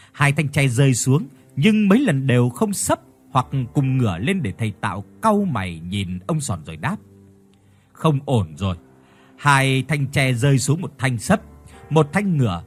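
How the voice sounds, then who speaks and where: A man narrating a ghost story with a husky, somewhat high voice and lively intonation. He tells it in a measured, descriptive way while faint music plays underneath.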